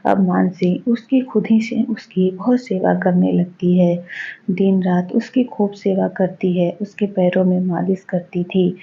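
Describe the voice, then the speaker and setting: Woman storyteller, husky and unhurried, dull recording. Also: fairly low pitch. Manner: simple, repetitive storytelling. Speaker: narrator. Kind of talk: storytelling narration.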